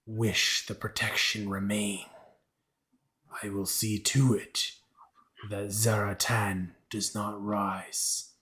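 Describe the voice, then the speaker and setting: A man's voice: lowish voice, a bit bright, pitched below the performer's own voice, poor audio. A man doing a towering, imperious clawed creature. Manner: slow, commanding.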